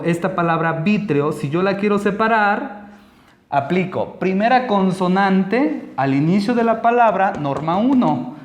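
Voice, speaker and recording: A man teaching a language lesson, explaining rules slowly and patiently, step by step. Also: a little high, reverberant.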